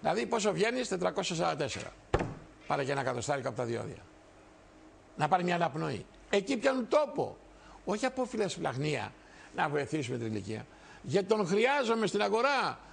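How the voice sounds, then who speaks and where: A gravelly older man in his sixties delivers a fervent televised political monologue, repeating his points for emphasis and addressing the viewers directly. His voice sits a little high for a man, with a faint hiss of noise behind it. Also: very animated. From Greece. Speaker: TV show host and party leader.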